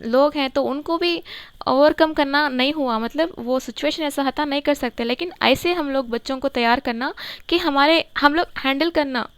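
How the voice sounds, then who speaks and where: Lady teacher, high clear voice, repeats stuff so you remember it, dry close sound. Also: no room sound. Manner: explains slowly, repeats key words for memory. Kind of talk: exam-prep current affairs lesson.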